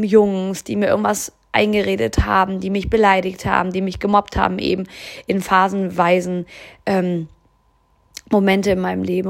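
Earnest German woman with gravelly voice. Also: medium pitch. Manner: earnest, encouraging, addresses the listener directly. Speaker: podcast host and coach. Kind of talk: motivational podcast monologue.

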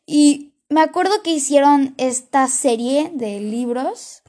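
A woman's voice: high voice, slow pace, warm tone. A woman in casual chat who tells stories in a chatty way and often restarts her sentences. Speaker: co-host.

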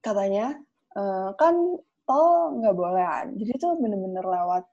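A young woman chats casually in Jakarta slang, with English words mixed in. Her accent is Jakarta Indonesian and her pitch is mid-range. The recording sounds slightly dull and lo-fi. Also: animated, normal speed, dark tone. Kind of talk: casual chat.

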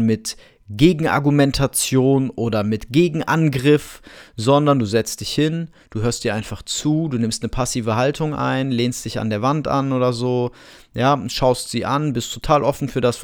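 A man who works as a relationship coach, giving advice to men in a calm, direct podcast monologue and often acting out sample lines of dialogue. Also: medium pitch.

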